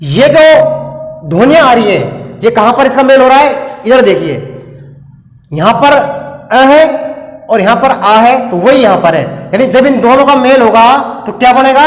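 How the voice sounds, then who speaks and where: A man with a strikingly high voice teaches a lesson at the board. He keeps asking his own questions and answering them, going over each step again. The sound is roomy, with a long echo trailing off the classroom walls.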